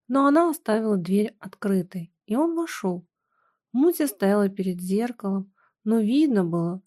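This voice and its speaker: A woman's voice: mid-range voice, a little mellow. Woman narrating a classic novel. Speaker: audiobook narrator. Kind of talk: literary audiobook narration.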